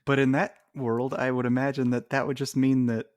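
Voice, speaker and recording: A man's voice: mid-range voice, flat delivery, a little fast, darkish tone, no echo. A man co-hosting a podcast in casual chat, picking apart points and laughing between them. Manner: chatty, laughs between points while arguing. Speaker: podcast co-host.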